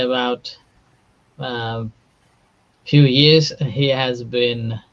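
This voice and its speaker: Male host of a temple's online talk, slow and halting, dull muffled sound. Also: medium pitch. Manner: slow, hesitant, many uhs. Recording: muffled lo-fi audio.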